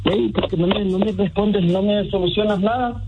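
A man's voice: high-pitched, steady tone, moderate pace, lo-fi sound, over music. A man from Venezuela, the target of a prank call, confused and defiant and answering back with jokes. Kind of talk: phone conversation.

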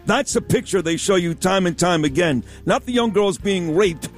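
A man's voice: sits high, normal speed, soft background music. A man from Brooklyn with a Brooklyn accent, talking bluntly and brashly off the cuff as a talk radio personality. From Brooklyn, New York. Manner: blunt, plain-spoken, brash. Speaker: radio talk show host appearing as guest.

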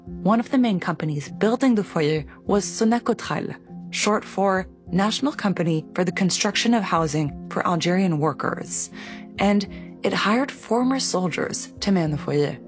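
A woman's voice: medium pitch, lively intonation, normal speed, soft background music. A woman reading scripted documentary narration.

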